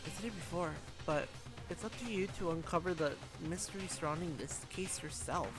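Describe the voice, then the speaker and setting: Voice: medium pitch, fairly quick, over music. A game streamer reading story text aloud during a live playthrough, stumbling, rereading and chatting to viewers.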